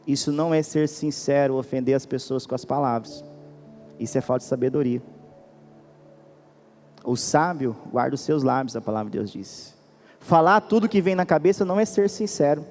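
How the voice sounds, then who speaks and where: A man with a Brazilian Portuguese accent preaching a sermon as pastor, earnest and pleading, moving between quiet and insistent. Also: fairly high pitch, normal speed, big-room sound, faint music behind. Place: church hall.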